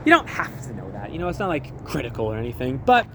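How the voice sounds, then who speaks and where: A young man casually walking through a vehicle at a car dealership, with an easygoing manner, frequent laughs and quick asides. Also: medium pitch, very animated, background noise.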